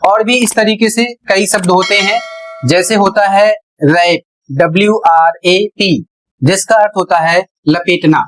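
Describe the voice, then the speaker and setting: A man with a high-sitting, fairly bright voice speaks in a steady tone at an unhurried pace, and the recording quality is low. He is an English pronunciation teacher giving an explanatory lesson, walking through things patiently step by step and spelling words out letter by letter.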